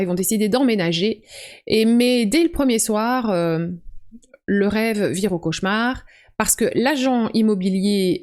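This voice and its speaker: A woman's voice: mid-range voice, a little mellow. A woman chatting casually at home about the books she wants to read, with many fillers and restarts. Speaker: booktuber.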